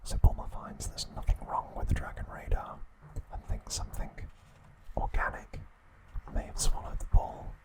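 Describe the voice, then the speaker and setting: Whispering with a hushed, airy quality, an ASMR host goes over a recap of events. His delivery is clipped and hesitant, one short phrase at a time.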